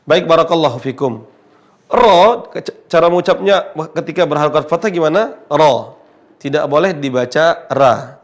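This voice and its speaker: A man's voice: on the high side, a little fast. A man teaching Quran pronunciation in a TV lesson, patient, repeating his points and drawing out example sounds. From Indonesia. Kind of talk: Islamic TV lesson.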